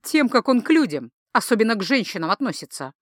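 A woman's voice: on the high side, very animated, fast, no echo, studio quality. A woman reading an audiobook, voicing a blunt, exasperated young woman.

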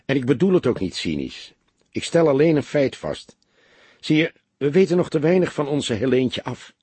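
A man narrator voicing a calm, wry older male police detective who speaks in a calm, deliberate way. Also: mid-range voice, slightly rough, no room sound, pitched above the performer's own voice.

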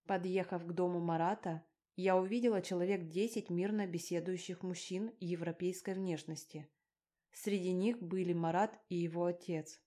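A woman narrating a first-person story as an audiobook reader, with even, unhurried delivery. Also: fairly low pitch.

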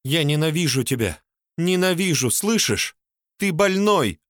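A man's voice: animated, a little slow, no echo, clean studio sound. A man voicing a tearful, hysterical young woman who sobs and screams. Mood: screaming angrily. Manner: sobbing, shrill screaming.

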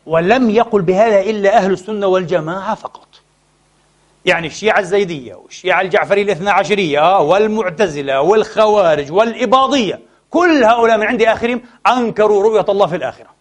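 A male scholar lecturing at a rapid clip in a fairly high voice. He presses the audience with quick questions and scoffs at opposing views. When he quotes verses, he slows down and chants them. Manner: keeps quizzing the audience with short prompts; mocking, argumentative asides. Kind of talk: religious lecture.

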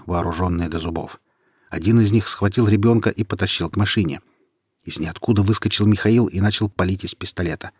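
A man reading an audiobook in a measured, even narration. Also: low voice, slightly rough, no room sound, studio quality. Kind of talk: scripted narration.

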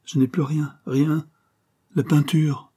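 A man's voice: fairly high pitch, slow, husky, voice pushed up. A man voicing a grief-stricken widowed painter who breaks into feverish, exclaiming talk. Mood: grieving. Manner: anguished then feverishly excited exclamations.

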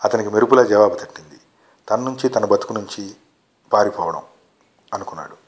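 A man reading a short story aloud as narrator, in a steady, earnest way. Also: fairly low pitch, brisk. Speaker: story reader.

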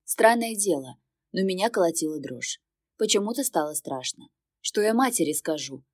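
A woman reading first-person fantasy narration in an even, wry storytelling manner. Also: lowish voice, normal speed, dry recording, clean studio sound. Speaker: audiobook narrator.

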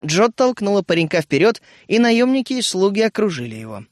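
Man narrating a story, slightly higher voice, measured, dry close sound. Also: very animated, no echo. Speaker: audiobook reader. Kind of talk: scripted narration.

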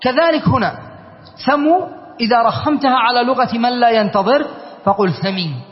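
High-voiced man teaching grammar in a hall. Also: normal speed. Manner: questioning students, spelling out word forms. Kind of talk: classroom grammar lesson. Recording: dull long-reverb lecture hall recording.

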